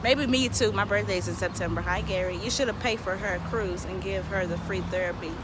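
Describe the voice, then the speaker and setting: A woman's voice: medium pitch, fairly quick, very noisy. A woman in her thirties hosting a casual live stream from outdoors, chatty and greeting viewers by name, laughing often. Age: 30s. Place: outdoors watching a ship depart.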